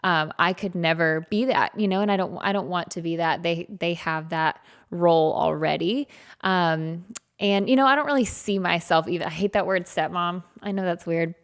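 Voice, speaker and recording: Low, gravelly-voiced chatty woman co-host. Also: normal speed. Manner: chatty, self-deprecating, laughs often. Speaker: podcast co-host. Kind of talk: casual chat.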